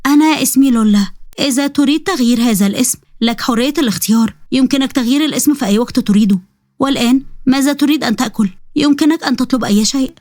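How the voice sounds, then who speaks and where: A woman's voice: high-pitched, very fast, a little mellow, no echo, clean studio sound, voice pushed up, lightly acted. A woman voicing a polite female robot bride who talks in stiff, formal phrases. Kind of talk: storybook narration with character voices.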